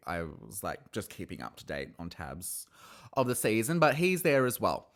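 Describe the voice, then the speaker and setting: A man hosting a podcast on his own, giving an opinionated, ranting review that gets heated and breaks into mocking high-voiced impressions. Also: a bit bright, smooth. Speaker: podcast host reviewing a reality show. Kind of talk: casual solo review.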